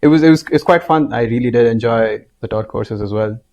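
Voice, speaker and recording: A man's voice: medium pitch, brisk, darkish tone, muffled recording. Hesitant young man from India. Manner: hesitant, many ums. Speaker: master's student guest. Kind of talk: casual interview chat.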